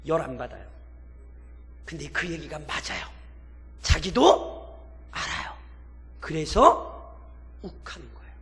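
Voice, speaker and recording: A man with a high, bright voice preaches a sermon in a church sanctuary. He keeps asking his listeners questions and slips into colloquial, mocking quotes as he retells scripture. His voice rings out in a long hall echo. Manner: expository preaching with rhetorical questions to the congregation; acts out biblical characters in mocking colloquial quotes. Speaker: pastor. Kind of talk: sermon at a midweek prayer service.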